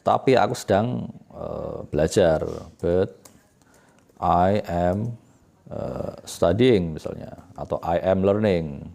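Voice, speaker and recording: A man giving a relaxed, chatty English lesson, explaining step by step with fillers and quick self-corrections. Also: low voice, vocal fry. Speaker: English tutor.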